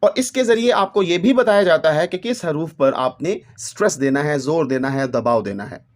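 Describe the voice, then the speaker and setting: A man teaching a textbook lesson, reading English lines slowly and then explaining them in a steady lecturing way. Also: on the high side.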